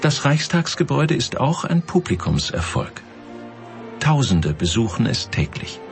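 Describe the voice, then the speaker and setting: A man reading scripted documentary narration in an informative, even delivery. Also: medium pitch, a little slow, music in the background.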